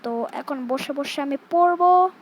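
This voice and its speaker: A young woman from Bangladesh plays a horror game and talks to her viewers as she goes. Her voice is high and her pace is slow, and she scolds the game baby between jumpy yelps. Faint noise runs underneath. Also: low-quality recording. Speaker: gaming streamer. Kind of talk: casual horror game commentary.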